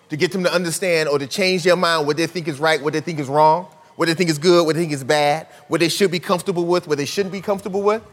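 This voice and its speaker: A preacher delivers his sermon in a relaxed, conversational way, piling up rhetorical questions. His voice is a little high for a man, and a long hall reverb lingers in the recording.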